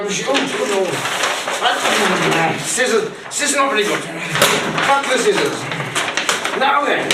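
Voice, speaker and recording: A man rambling through a crude mock-instructional comedy monologue, swearing a lot. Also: very high voice. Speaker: comic performer. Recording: echoey room, far mic, noisy.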